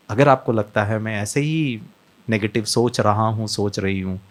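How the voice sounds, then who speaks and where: Gravelly man giving a lively talk. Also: medium pitch. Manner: mixes Hindi and English, asks the audience questions, acts out scenes. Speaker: spiritual speaker. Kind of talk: lively motivational talk to an audience.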